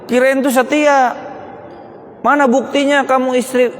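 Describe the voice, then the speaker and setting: A man's voice: very high voice, little pitch movement, unhurried, pitched above the performer's own voice. A man voicing a first wife who is shocked, indignant and asking questions, with a long hall reverb behind him.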